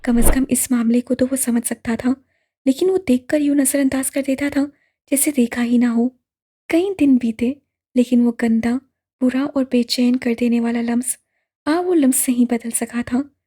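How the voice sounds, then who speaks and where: A woman narrating a novel audiobook in a slow, measured, somber way. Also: high voice, fairly even intonation, mellow, husky. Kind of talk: novel reading.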